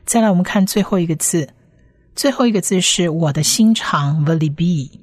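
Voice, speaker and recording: A woman's voice: on the low side, moderate pace, a little mellow, no echo, studio quality. A woman teaching a lesson step by step, patiently repeating each sound several times. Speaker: language teacher.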